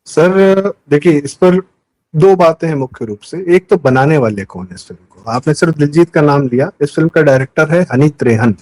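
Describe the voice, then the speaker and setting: A man's voice: a little high, lively intonation, normal speed, darkish tone, rough recording. A middle-aged man commenting on a talk show, emphatic and full of rhetorical questions. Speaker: guest commentator. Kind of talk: political talk show discussion.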